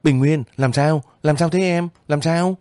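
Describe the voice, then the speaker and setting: A man voicing a calm, steady young woman soldier who speaks in a level, reassuring way, in an audiobook reading. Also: on the high side, measured pace, smooth, no room sound, pitched above the performer's own voice, lightly acted. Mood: alarmed. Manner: level, reassuring, matter-of-fact.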